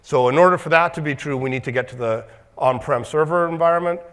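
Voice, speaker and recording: A man speaking at a tech conference, measured and careful, with hesitant restarts. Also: fairly high pitch, a bit bright, long reverb tail. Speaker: conference presenter. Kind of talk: conference talk.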